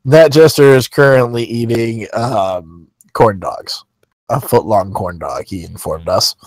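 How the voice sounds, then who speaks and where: A man's voice: mid-range voice, measured pace, a little mellow, no echo, low-quality recording. A man hosting a wrestling news podcast, reading news and teasing his co-hosts in joking banter. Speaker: podcast host. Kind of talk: casual podcast chat.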